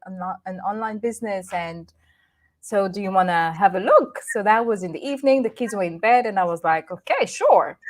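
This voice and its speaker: Interview guest: woman from Rwanda, 30s, bubbly and chatty, lots of laughter and restarts. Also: medium pitch. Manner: cheerful, laughs often, many restarts. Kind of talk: casual interview chat.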